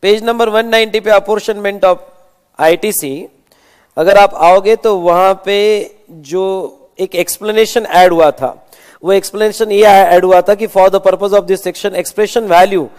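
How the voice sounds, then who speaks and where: A man's voice: high voice, fairly even intonation, slow, a little mellow, clear, resonant tone, long reverb tail. A man giving an exam revision lecture, calling students "beta" and repeating points with frequent "okay". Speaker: teacher.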